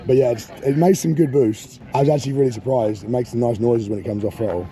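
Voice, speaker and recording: A man's voice: mid-range voice, fast talker, dark tone. A man vlogging at an airfield, talking casually and joking with laughs between lines. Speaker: car vlogger. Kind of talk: casual vlog chat. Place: outdoors at an airfield near cars. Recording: outdoor vlog with clear background noise.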